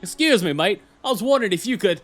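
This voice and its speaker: A man's voice: high-pitched, lively intonation, quick pace, a bit bright. A man performing as a chummy, adventurous Australian nature documentary presenter, colloquial and enthusiastic. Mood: chummy, curious. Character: cheerful, adventurous Australian male wildlife presenter. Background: music.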